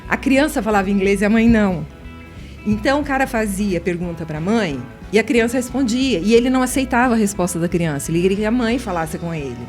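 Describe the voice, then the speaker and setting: A woman from Brazil, a radio interview guest who tells lively anecdotes, laughs often and acts out the people in her story. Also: mid-range voice, fast, soft background music. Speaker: interview guest, writer and singer.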